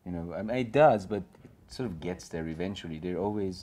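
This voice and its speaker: In a small gallery room with an audience, an Iranian panelist and filmmaker in his thirties talks fast in a low, mellow voice. His Persian accent is clear, and his earnest, meandering speech keeps circling back with fillers and restarts.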